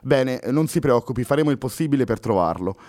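A man voicing a brisk, suspicious male police officer in a read-aloud novel, with a commanding, questioning manner. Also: mid-range voice, expressive, darkish tone, no echo, clean studio sound, pitched above the performer's own voice, close to an everyday voice. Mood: stern.

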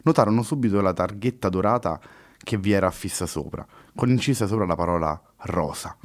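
A man reading a story aloud in a measured, expressive way. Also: on the low side. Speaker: narrator.

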